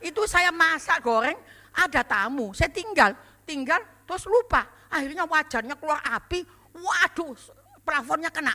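An older woman pastor preaches in a high, very bright voice. She tells animated stories, full of exclamations and quick laughter. Her tone is sharp and ringing. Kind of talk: storytelling sermon.

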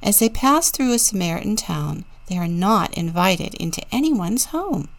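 A woman deacon giving a children's sermon and reading a storybook in a gentle, deliberate way. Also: mid-range voice, big pitch swings.

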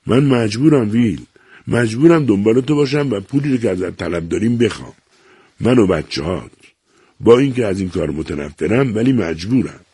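A man voicing a cold, measured woman who speaks firmly and without mercy, in an audiobook reading. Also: low-pitched, very animated, gravelly, dark tone, breathy edge, no room sound, clean studio sound, full character voice. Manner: measured, firm, unyielding. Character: cold, measured estranged wife.

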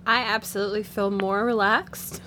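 A woman's voice: medium pitch, fairly even intonation, normal speed, bright, forceful tone, slight background noise. A woman interview host speaking in an informal, enthusiastic, conversational way. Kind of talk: conversational interview for young listeners.

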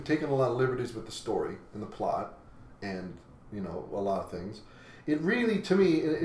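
A man co-hosting a casual podcast, talking in long rambling runs full of restarts. His voice sits at an ordinary pitch. The room is echoey with a faint hiss behind him. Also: a little mellow. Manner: rambling, many restarts and fillers. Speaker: podcast co-host. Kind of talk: casual chat.

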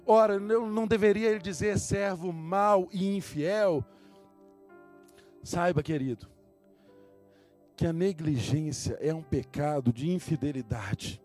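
A man in his thirties preaching a sermon, earnestly addressing the listener as a dear brother and slowing down to stress key words. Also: on the high side, warm tone, faint music behind.

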